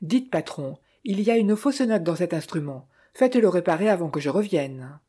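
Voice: mid-range voice, animated, moderate pace, mellow, slightly rough. A narrator voicing a cheeky young male actor who mocks and jokes in a storybook reading. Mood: mocking. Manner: mocking, boisterous.

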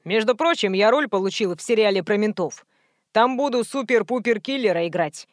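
Audiobook: a woman playing a jittery young man, lower and hushed, mumbling and panicky. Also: expressive, a little fast, no echo, studio quality, lightly acted. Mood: nervous. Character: nervous young male actor.

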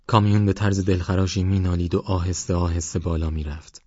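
A man calmly narrating a novel as an audiobook reader in a measured way. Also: low voice, dry recording, muffled recording. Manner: calm, measured reading. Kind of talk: scripted narration.

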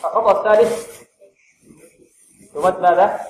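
Man, recitation teacher, quizzing students, stretches out sounds slowly, slightly high voice, roomy echo. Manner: quizzes students and models slow, drawn-out pronunciations. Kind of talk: tajweed lesson with students. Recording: echoey room, faint noise.

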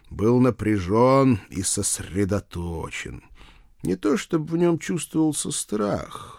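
A man narrates a first-person audiobook with wry, lively storytelling. His pitch moves a lot, and the recording is close and completely dry. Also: gravelly, no room sound. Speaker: audiobook reader.

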